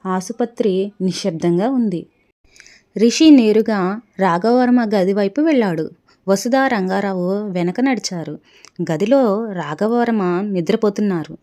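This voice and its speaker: A woman's voice: mid-range voice, a little slow, warm tone. A woman narrating a family story aloud, reading it with feeling and speaking the characters' lines herself. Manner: emotional, voices the characters' dialogue herself.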